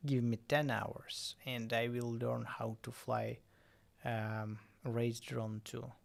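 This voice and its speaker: Slow gravelly man with English. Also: medium pitch, little pitch movement. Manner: halting, self-correcting non-native English. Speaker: streamer. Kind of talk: casual game stream chat.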